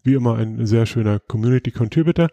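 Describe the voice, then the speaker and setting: A man hosting a podcast in casual chat, explaining things in a relaxed way with frequent hesitations and restarts. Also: mid-range voice, fast, gravelly, dry recording, highs cut off. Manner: relaxed, explanatory, many filler sounds and restarts. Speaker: podcast host.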